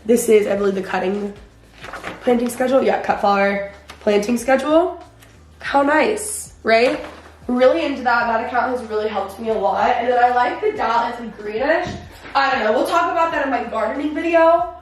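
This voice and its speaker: Young female vlogger, casual and self-mocking, somewhat high voice, roomy garage echo. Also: normal speed. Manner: chatty, filler-heavy, self-mocking. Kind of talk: casual vlog chat. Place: home garage.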